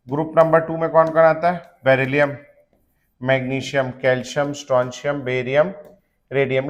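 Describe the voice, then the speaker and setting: A male teacher giving a classroom chemistry lecture, chanting element names in rhythm and joking with students. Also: on the high side. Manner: addresses students as beta, jokes about fathers.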